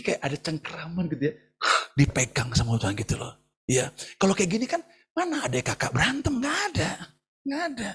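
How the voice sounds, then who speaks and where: A man preaching a sermon to an online congregation in an animated, joking way, often asking the listeners whether they agree. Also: on the high side, husky. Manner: animated and joking, asks the congregation "betul nggak?". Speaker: pastor. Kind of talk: sermon at an online church service.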